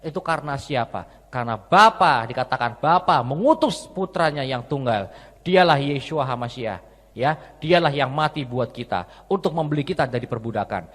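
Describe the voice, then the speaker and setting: A man preaching a sermon in a large church, telling stories in a lively way and often adding tag questions. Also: mid-range voice, moderate pace. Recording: long church hall reverb.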